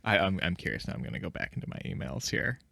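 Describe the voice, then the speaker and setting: Male podcast talker, deep register, casual and a bit halting, dry recording. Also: sing-song, vocal fry, sharp tone, dry recording. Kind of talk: casual chat.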